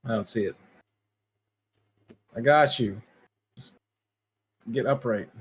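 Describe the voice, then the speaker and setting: A man's voice: mid-range voice, slow, husky. Wry, easygoing male gamer. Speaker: streamer. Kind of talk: casual gameplay chat.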